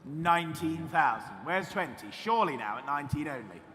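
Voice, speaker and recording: A man's voice: fairly high pitch, animated, a little fast, fairly bright tone. A man working as an auctioneer, calling and repeating bids in a clipped live sale patter. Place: large auction room at a motor festival. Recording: noisy, reverberant auction hall PA.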